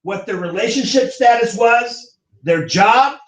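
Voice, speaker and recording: Brief: high-pitched American man lecturing a class, lively and theatrical, caught from far off in an echoey classroom. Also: unhurried. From United States. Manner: animated, acts out quoted voices. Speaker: teacher.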